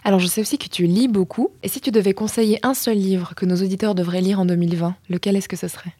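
Mellow-voiced woman podcast host. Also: medium pitch, steady tone, fast talker, slightly rough. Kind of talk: interviewing a guest.

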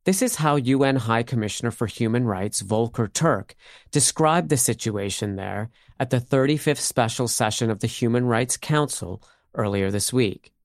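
A man hosting a podcast, reading a formal scripted introduction in a measured way. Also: mid-range voice, no echo, clean studio sound. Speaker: podcast host.

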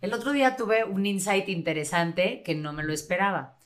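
A woman in her thirties with a Mexican accent, chatting as a podcast guest and telling lively stories with acted-out quotes. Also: mid-range voice, normal speed. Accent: Mexican Spanish. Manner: animated storyteller, acts out quotes, laughs often. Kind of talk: casual chat.

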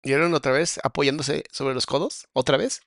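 A Mexican psychologist hosts a reaction video in a mid-range, slightly bright voice with vocal fry, fairly even intonation, and a moderate pace, with no echo. He explains and points out what he sees, and his opinions turn preachy and emphatic.

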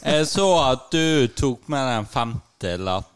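A man with a clean, resonant voice at a medium pitch. He talks casually as a podcast co-host, joking with his friends. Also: expressive, clean tone.

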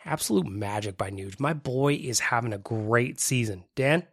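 A medium-pitched man with lively intonation, a fairly bright and slightly rough tone, and normal speed hosts a casual solo podcast in his home studio. Sniffly and congested from a cold, he's a little self-deprecating. The recording, made on a studio microphone, is dry.

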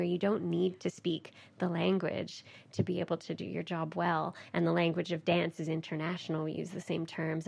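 Creaky, lowish-voiced Canadian woman. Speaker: ballet dancer, interview guest. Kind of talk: casual interview talk.

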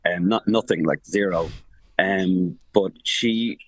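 A man, a sports journalist calling in from abroad who gives rapid, animated football analysis full of restarts and fillers. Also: sits low, rough recording. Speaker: sports journalist reporting from the tournament. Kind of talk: casual podcast analysis. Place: remote link from abroad.

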